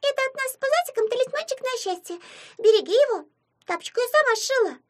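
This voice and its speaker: A woman's voice: extremely high pitch, fast talker, voice pushed up. Squealing little girl house sprite, bossy and mischievous. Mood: chirpy. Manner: squealing, excitable.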